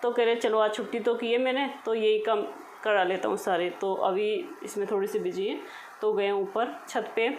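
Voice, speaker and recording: A woman's voice: mid-range voice, fairly even intonation, normal speed, a little hiss or hum, low-quality recording. A woman in her thirties chatting casually to viewers in a home vlog, talking to them directly. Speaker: vlogger.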